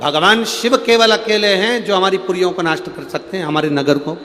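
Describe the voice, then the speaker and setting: A man giving a devotional storytelling sermon at a large religious gathering, acting out the people in a folksy parable and swinging from loud to hushed. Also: high-pitched, fairly quick. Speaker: preacher. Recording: long hall reverb.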